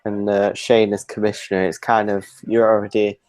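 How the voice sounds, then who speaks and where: Teasing man, lowish voice. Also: level tone, moderate pace, darkish tone. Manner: laughs often, teasing. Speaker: co-host of a live reaction stream. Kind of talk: casual chat.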